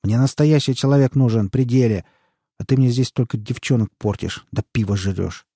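Hot-tempered boss read by a man: loud, hissing threats, husky, dry. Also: mid-range voice, normal speed, no echo. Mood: menacing. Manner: harsh, shouting threats, hissing. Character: brutal, hot-tempered male boss interrogating an underling.

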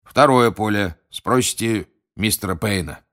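Guy reading as a grumpy tired wizard clerk, loud-ish and grumbly. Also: on the low side, measured pace. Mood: grumbling. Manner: weary, grumbling. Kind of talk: audiobook reading.

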